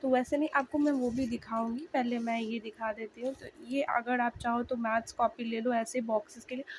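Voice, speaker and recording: Slightly hoarse woman teaching casually. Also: fairly high pitch, slight background noise, low-quality recording. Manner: chatty, addresses viewers directly, sounds out letters slowly. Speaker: language learner sharing notes. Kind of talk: casual video lesson.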